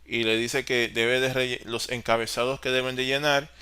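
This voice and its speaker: A man teaching an online class on office software, explaining step by step and answering his own questions. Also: medium pitch, little pitch movement, moderate pace, smooth. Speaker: course facilitator.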